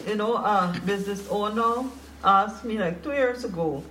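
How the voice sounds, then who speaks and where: Woman guest, measured, sounds far from the mic, faint noise. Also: medium pitch, fairly bright tone. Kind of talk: casual chat. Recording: voice distant from mic.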